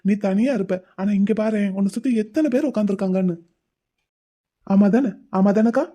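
A woman's voice: mid-range voice, fairly quick, mellow, close to an everyday voice. A woman voicing a caring, playful young man in a cartoon, coaxing and teasing his crying older sister in a chatty way. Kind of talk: Tamil cartoon voice acting.

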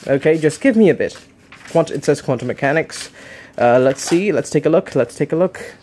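Young male unboxing host, slightly high-pitched, casual and hesitant, thinking aloud with self-corrections. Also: expressive, normal speed, a little mellow, a little hiss or hum. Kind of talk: casual unscripted unboxing commentary. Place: living room, indoors.

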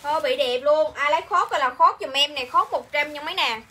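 A woman with a Southern Vietnamese accent runs a live clothing sale. Her voice sits high and rings bright and forceful. She chats nonstop, saying each line twice and coaxing viewers to buy. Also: a little fast. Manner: chatty, repeats each line, coaxes viewers. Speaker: livestream clothing seller. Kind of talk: live-sale selling chat.

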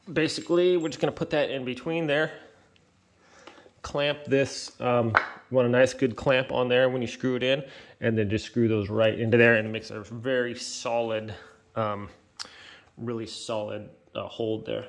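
A man casually demonstrating a woodworking jig, talking in a halting, rambling way with many fillers and self-corrections. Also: medium pitch, fairly bright tone. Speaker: DIY woodworking channel host. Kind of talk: casual hands-on tool demonstration. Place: indoor workshop with concrete floor. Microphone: camera-mounted, hands-only point of view.

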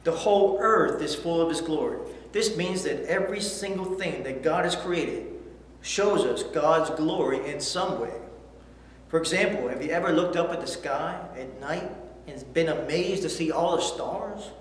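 Teaching a Bible lesson to children, a middle-aged man reads scripture aloud and asks earnest questions, his voice fairly high and at a normal speed. He's on an indoor church studio set with a backdrop, and the audio has an echoey hall quality and a faint hiss.

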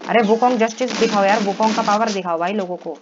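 A man giving excitable live commentary while he plays, yelling and pleading in bursts. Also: high voice, fast talker. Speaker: gaming vlogger. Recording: lo-fi with steady background noise.

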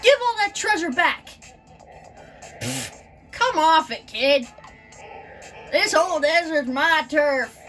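Woman as a high-voiced, blustering greedy genie. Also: very animated, slow pace, long pauses, fairly bright tone, heavily acted. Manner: blustering, theatrical. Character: bossy, greedy male lamp genie, cowardly when beaten. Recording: far from the mic, game music.

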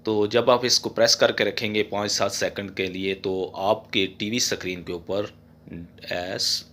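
A man's voice: fairly low pitch, level tone, unhurried, fairly bright tone. A man hosting a casual how-to tutorial for his TV repair channel, chatty and often ending lines with "okay". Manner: voice-over with no face on screen.

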